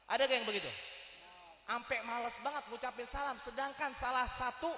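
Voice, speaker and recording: A man preaches with a bright, high voice, teasing his listeners and firing questions at them. His sermon rings through a mosque hall with a long, echoey reverb. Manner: joking, asks the crowd questions. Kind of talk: lively sermon.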